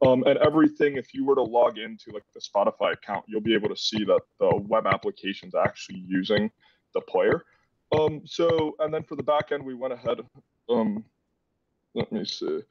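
A man's voice: lowish voice, normal speed, no room sound. Young guy on a zoom call explaining his app, lots of likes and ums, muffled far-off audio. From Dominican Republic. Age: 20s. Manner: casual, many "like" fillers. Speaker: student presenter. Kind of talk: project presentation on a video call. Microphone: headset on a video call. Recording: dull, distant video call audio.

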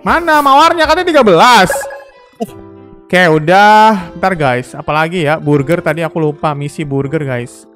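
A man's voice: fairly high pitch, expressive, moderate pace, fairly bright tone, soft background music. A man streaming a game live, chatting casually with viewers, thanking donors and repeating questions to his chat.

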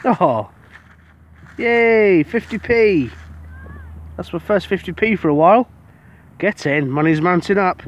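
A British man, a metal detectorist, giving casual commentary to the camera outdoors on a beach as he digs up each find and gets excited about it. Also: a little high, moderate pace, dull audio.

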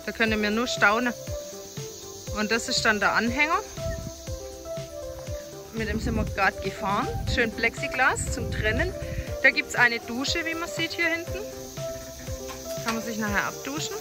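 A woman's voice: on the high side, moderate pace, long pauses. Cheerful woman vlogging. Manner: chatty, cheerful, loose filmed commentary. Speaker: family travel vlogger. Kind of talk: casual vlog narration. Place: outdoors in rainforest. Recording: music playing behind the voice.

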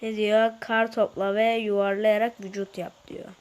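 Woman, gaming commentary, slightly sick, chatty, mid pitch, noisy recording. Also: little pitch movement, normal speed, muffled recording. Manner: chatty, talks to viewers while playing. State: slightly ill. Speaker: gaming YouTuber. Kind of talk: casual gameplay commentary.

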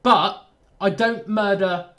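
His voice is high, bright and pushed, with fairly even intonation and a slow pace. This nasal-accented man from southern England is a train sim YouTuber giving casual gameplay commentary, rambling, self-deprecating and full of jokey asides as he narrates his run.

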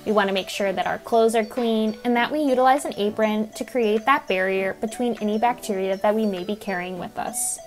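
A woman giving calm, clear instructions as a voice-over narrator. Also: medium pitch, brisk, hardly any pauses, soft background music.

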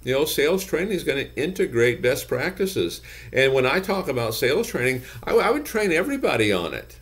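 A man's voice: mid-range voice, big pitch swings, a little fast, a bit bright. A man in his sixties speaking to a desk webcam from his office, giving earnest business advice that leans on "you know" and repeated phrases. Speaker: gym business consultant. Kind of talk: direct-to-camera advice talk. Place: office with bookshelves, indoors.

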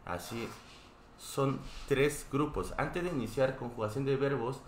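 A man's voice: medium pitch, unhurried, roomy sound, a little hiss or hum. A man with a Korean accent teaching a live online Korean class, explaining patiently and checking in often with his students.

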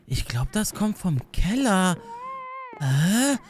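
A young man doing excited let's-play commentary as a gaming YouTuber, talking straight to his viewers with lots of exclamations. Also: high-pitched, slow pace, noisy background. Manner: animated, exclamatory, addresses viewers directly.

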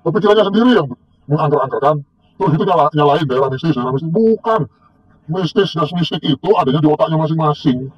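Husky man mocking on a lo-fi vlog. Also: a little high. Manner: mocking, scornful, taunting with laughs. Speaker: vlogger. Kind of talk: casual rant to camera. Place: outdoors by a tree near a corn field. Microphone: self-recorded on a handheld camera or phone.

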